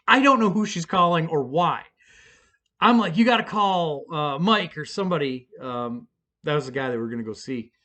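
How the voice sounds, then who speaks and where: A middle-aged man casually telling a profane, self-mocking story, rambling with fillers and restarts. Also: a little high. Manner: fillers and restarts, bursts of excited shouting.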